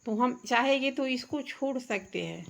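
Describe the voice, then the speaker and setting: A woman's voice: high-pitched, animated, normal speed, gravelly. A woman teacher, patiently explaining a workbook lesson to children, asking questions and answering them herself.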